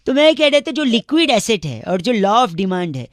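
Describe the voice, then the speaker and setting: A man making prank phone calls in a high boyish put-on voice, rattling off mock-serious nonsense and giggling. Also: big pitch swings, moderate pace, no room sound, clean studio sound. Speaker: radio prank caller.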